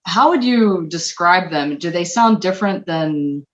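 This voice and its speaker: A woman with a very low, deep voice poses careful, curious questions to her guest. The sound is dull and lo-fi, as if it came through a remote connection. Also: expressive, unhurried. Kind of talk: interview questions.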